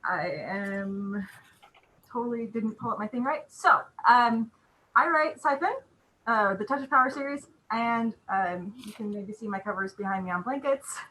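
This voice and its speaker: A woman with a bright, slightly high voice, chatty and a little nervous. She is an author on a video call. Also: moderate pace, rough recording. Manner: nervous, chatty, self-deprecating. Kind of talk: casual intro and book reading. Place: home room, video call.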